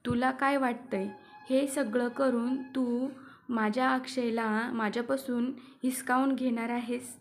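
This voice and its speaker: A woman's voice: a little high, steady tone, unhurried, soft background music. A woman reading as a jealous young student. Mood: angry. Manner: angry and confrontational.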